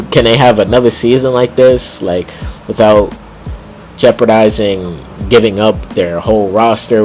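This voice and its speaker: A man's voice: on the low side, darkish tone. A man vlogging casual basketball commentary, rambling with plenty of fillers and slang and chuckling often. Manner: rambling, heavy on "like", quick laughs, slangy. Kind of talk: casual sports commentary vlog.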